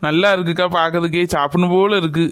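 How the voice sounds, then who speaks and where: A man plays an emotional pregnant young woman in a homemade family skit. The voice sits high and sounds close and dry. She talks in a grateful, pleading way. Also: fairly even intonation, quick pace, a bit bright, smooth, dry recording, close to an everyday voice.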